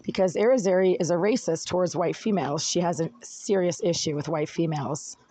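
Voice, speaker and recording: Fairly quick and mellow, a hoarse, mid-pitched tenant vents his grievances into a phone he holds himself. The rambling, agitated complaint is recorded indoors in his apartment while he fiddles with the phone.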